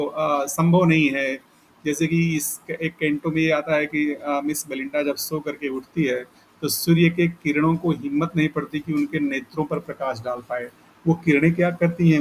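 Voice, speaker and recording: A man's voice: on the high side, a little hiss or hum, poor audio. A male teacher giving a lecture, explaining patiently and repeating key points with frequent check-ins. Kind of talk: classroom lecture.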